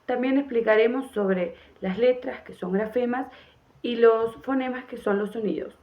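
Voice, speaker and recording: A woman's voice: a little high, moderate pace. Young woman reading an outline, lo-fi. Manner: even, scripted, listing topics. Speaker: student presenter. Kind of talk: reading an introduction.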